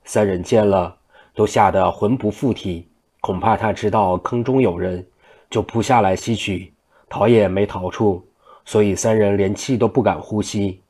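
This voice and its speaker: A man reading a classical Chinese novel aloud at a steady, unhurried pace. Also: lowish voice, breathy edge. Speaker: storyteller.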